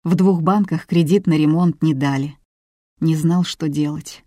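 A woman reading the part of a distraught adult son who haltingly confesses to his family. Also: low voice, steady tone, mellow, no echo, clean studio sound. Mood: crushed, confiding. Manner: hesitant, apologetic confession.

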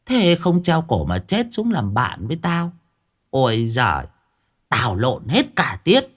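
A defiant old village woman curses with scorn and fears nothing, as a male storyteller puts her on. Her voice swings widely in pitch. She lives alone and talks coarsely. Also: huge pitch swings, takes it slowly, full character voice. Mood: boastful. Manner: coarse, scornful, swearing boldly.

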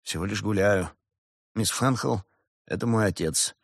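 A bashful young artist, voiced by a male narrator, speaking low and subdued. He sounds embarrassed and keeps his voice down. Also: measured pace, vocal fry, husky, no room sound, clean studio sound, full character voice. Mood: sheepish. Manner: subdued, sheepish.

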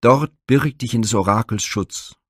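A man's voice: medium pitch, moderate pace, a bit bright, breathy edge, no echo, clean studio sound. A man reading the part of a proud king and father in a myth storybook, pleading and bursting out in indignation. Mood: anguished.

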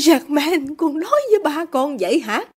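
A woman's voice: sits high, big pitch swings, normal speed, pitched above the performer's own voice. A woman reading the part of a meek middle-aged mother who pleads with her husband and daughter. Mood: pleading.

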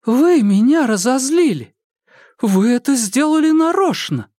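A man doing a young woman hoarse with rage. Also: very high voice, sing-song, unhurried, a little mellow, no echo, clean studio sound, voice pushed up, full character voice. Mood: shaken. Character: furious young woman breaking free. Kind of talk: audiobook character voice.

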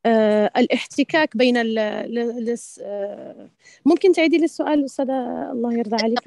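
A woman answers questions in an online tajweed class on Quran recitation, talking fast in a fairly high, creaky voice with a darkish tone. Her speech is hesitant, full of restarts and pious interjections, and there's no echo.

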